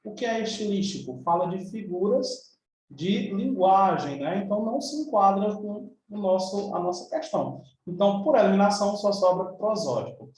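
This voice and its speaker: A man's voice: high voice, expressive, normal speed, a little mellow, heavy reverb, recorded from a distance, slight background noise, poor audio. A man with a Brazilian Portuguese accent teaching an exam review lesson in a chatty, informal way, checking in with his students often. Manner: chatty, informal, frequent tag questions.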